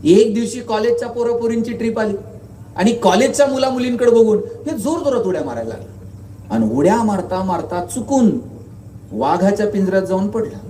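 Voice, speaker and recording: A man with a high, mellow voice delivers a motivational speech, spinning humorous stories and pressing the crowd with rhetorical questions. He sounds set back from the mic in an echoing hall, with faint noise behind. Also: animated, fairly quick, far from the mic. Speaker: guest speaker.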